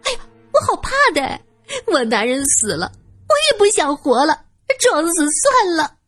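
A woman voicing a shrill, melodramatic middle-aged wife, a former dancer who whines and wails shamelessly in a storytelling recording. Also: very animated, normal speed, a bit bright, no room sound, soft background music. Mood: wailing. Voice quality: shrill, theatrical wailing.

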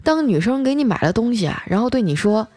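A woman's voice: a little high, big pitch swings, fast, crowd noise, pitched above the performer's own voice. A woman telling it as a wry henpecked husband. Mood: rueful. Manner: sighing, storytelling tone. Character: boastful married man, wry and rueful.

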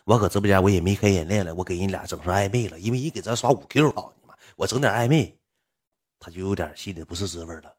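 A young male livestreamer with a Northeastern Chinese accent tells a story casually in a rambling, coarse, and blunt manner. He talks fast in a low, darkish voice with a breathy edge.

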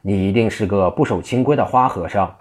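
A man's voice: fairly low pitch, brisk, natural voice. A man doing a stern hot-tempered prefect. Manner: commanding, scolding.

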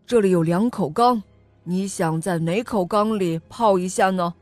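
A woman voicing a stern, gruff old male cat king in a children's storybook reading. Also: mid-range voice, moderate pace, a little mellow, dry recording, soft background music, pitched below the performer's own voice, natural voice. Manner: gruff, scolding.

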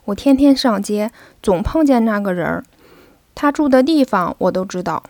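A woman's voice: mid-range voice, animated, normal speed, darkish tone, no echo, clean studio sound, natural voice. A woman voicing a sly, joking male servant who banters with his young master, in a storybook reading. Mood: bantering. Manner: cheeky, bantering.

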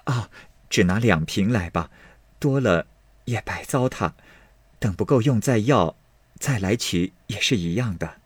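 Guy reading as a shy young maid, soft and careful, husky slow voice. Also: lowish voice, expressive, no echo. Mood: deferential. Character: gentle young female maid, tactful and careful.

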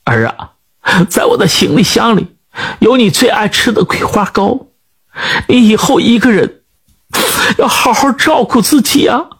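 Man playing a gentle, earnest father. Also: sits high, lively intonation, moderate pace, husky. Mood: weak, tearful. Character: middle-aged father, gentle and patient.

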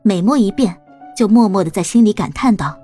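A woman narrating a storybook in a calm, even reading voice. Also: mid-range voice, brisk, husky, soft background music. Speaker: audiobook narrator.

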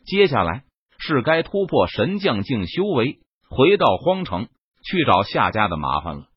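A man voicing a ruthless young swordsman who sneers at his enemies in an icy, low voice, on a muffled lo-fi recording. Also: sing-song, measured pace, breathy edge, no room sound. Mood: cold.

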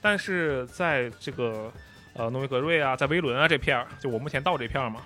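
Casting: quick, mid-pitched male co-host, precise and analytical, faint music bed. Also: sharp tone. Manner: detailed, analytical, acts out line readings. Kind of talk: casual gaming chat.

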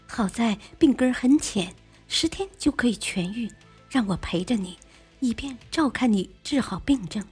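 A devoted young fox spirit speaks high and insistent, with a husky grain and lively swoops of pitch. A woman performs her in a storybook reading. Soft music sits faintly underneath. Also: normal speed. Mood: earnest.

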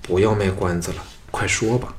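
Man playing a wary young swordsman, plain hushed delivery, low-pitched. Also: moderate pace, slight background noise, lightly acted. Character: wary young male adventurer, cautious.

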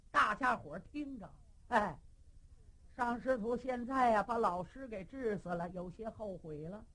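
A woman telling a traditional story, narrating in a dramatic, expressive way with a sung lament. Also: on the high side, slightly rough.

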